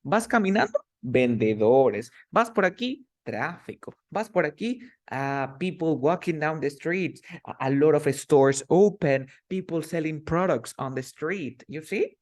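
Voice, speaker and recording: A man teaching an online English class over a video call, explaining slowly and repeating key words. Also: fairly high pitch, lively intonation.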